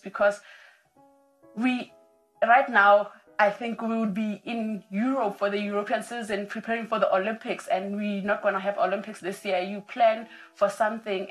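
A woman's voice: medium pitch, poor audio. A South African woman in her thirties, an athlete, speaking earnestly and reflectively in a studio interview. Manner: earnest, reflective, with fillers and restarts. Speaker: athlete, marathon runner. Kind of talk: video interview answers. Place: studio with patterned backdrop.

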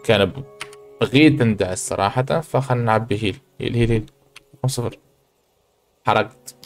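A man, hosting a gaming channel, chatting through his gameplay and breaking into excited exclamations. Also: medium pitch, a little fast, soft background music. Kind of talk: let's play commentary.

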